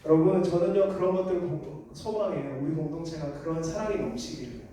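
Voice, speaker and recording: A man's voice: on the high side, fast, warm tone. A man in his thirties, a pastor telling a personal story in a sermon and speaking earnestly and directly to his congregation. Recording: echoey hall, distant mic, faint noise.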